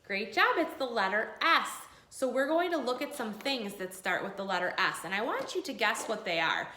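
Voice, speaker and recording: A woman teaching young children like a kids show host, encouraging and sing-song, pausing for them to answer. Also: fairly high pitch, very animated, sharp tone, reverberant, slight background noise. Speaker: early grade school teacher leading a remote morning class. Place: indoors at a school.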